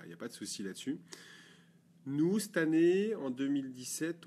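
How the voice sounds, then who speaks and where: A man's voice: mid-range voice, darkish tone, slight background noise. A man co-hosting a photography blog video, chatting casually and rambling with fillers and restarts. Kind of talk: casual chat.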